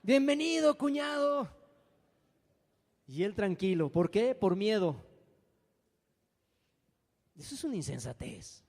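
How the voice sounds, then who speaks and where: A man's voice: on the high side, warm tone. A man preaching a sermon as pastor, dramatic and acting out frightened voices. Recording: long hall reverb.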